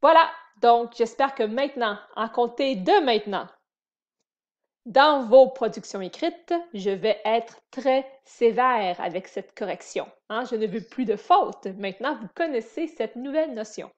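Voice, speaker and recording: A woman leads a grammar lesson for beginners, repeating and spelling out each word. Her voice sits a little high and she speaks slowly and deliberately. The recording is slightly muffled and lo-fi. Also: expressive. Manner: patient, spells and repeats words for learners. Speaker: French teacher. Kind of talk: slow explanatory grammar lesson.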